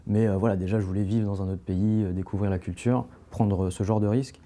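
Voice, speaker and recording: A man's voice: on the low side, fairly even intonation, quick pace, dark tone. A young man, a podcast guest, talking casually and rambling with many fillers and restarts. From France. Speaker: interview guest, climbing brand founder.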